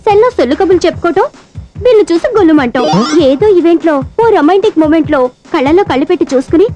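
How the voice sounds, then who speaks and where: A woman's voice: very high voice, darkish tone. An actress playing a bold young woman who teases a shy date and pushes for a kiss in a film comedy. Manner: bold, teasing. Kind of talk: film romantic comedy scene.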